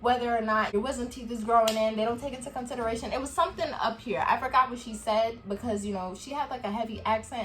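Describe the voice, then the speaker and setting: A young woman chatting to camera in a casual review vlog, animated and quick to laugh, acting out what people said to her. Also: fairly high pitch. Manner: chatty and animated, laughs often, acts out quoted dialogue. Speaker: vlogger.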